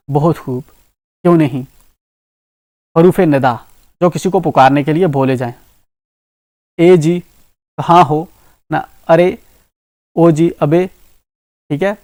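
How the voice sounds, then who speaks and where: A man's voice: on the high side, a little mellow, no room sound. A man with a Kashmiri accent teaching an exam-prep grammar lesson. He explains each term with examples and keeps checking in with "ठीक है ना". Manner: repeats "ठीक है ना" often, explains terms with examples.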